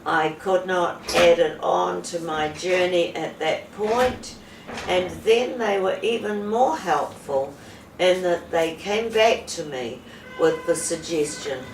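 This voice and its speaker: A woman in her seventies from New Zealand gives an unscripted testimonial to camera as a patient, sitting in an indoor room. Her voice is lowish, and she speaks slowly and in a measured way, with pauses and fillers. The camera mic sits a few feet away, so the audio is roomy and distant with background hiss.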